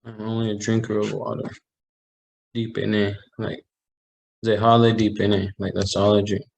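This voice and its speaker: Low flat-voiced man teaching online. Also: gravelly. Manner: slow, repeating phrases for learners. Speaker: language teacher. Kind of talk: online language class. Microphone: video call.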